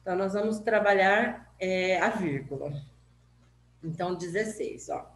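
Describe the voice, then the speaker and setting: A Brazilian woman teacher, sick with covid and wearing a mask, gives a patient remote lesson to children and checks in with "né?" and "tá?" as she goes. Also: fairly low pitch. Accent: Brazilian Portuguese. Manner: slow, patient, with many "né?" and "tá?" checks. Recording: echoey room with faint hum.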